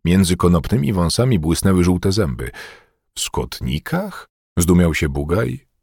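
A man reading a historical novel aloud as narrator, dramatic and voicing the characters' shouts. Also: deep voice, animated, normal speed, gravelly, slightly rough, no room sound, clean studio sound. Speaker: audiobook narrator.

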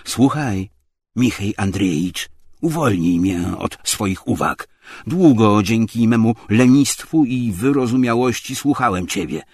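An idle gentleman snaps back in clipped, indignant lines, as a male narrator voices him. The voice is slightly husky, lively in pitch and recorded close and dry. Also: unhurried, no echo, full character voice. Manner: curt and indignant, raised voice. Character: idle gentleman, cool at first, then trembling with rage.

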